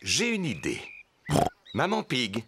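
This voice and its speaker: Jolly, slow daddy pig. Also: male voice, mid-range voice, wildly swooping pitch, heavy background noise, full character voice. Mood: jolly, reassuring. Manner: hearty, unhurried, reassuring, chuckling. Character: Papa Pig, jolly self-assured father pig. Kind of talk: preschool cartoon dub.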